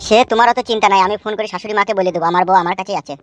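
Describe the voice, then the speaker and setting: A woman's voice: mid-range voice, fairly even intonation, rapid-fire, dry recording, faint music behind, pitched below the performer's own voice, natural voice. A woman voicing a secretive, teasing young husband in a comedy cartoon. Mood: evasive.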